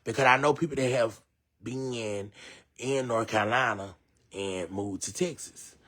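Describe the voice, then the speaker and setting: A man reads viewer comments on a live stream at an unhurried pace and medium pitch. He's chatty and full of slang, laughing and reacting loudly.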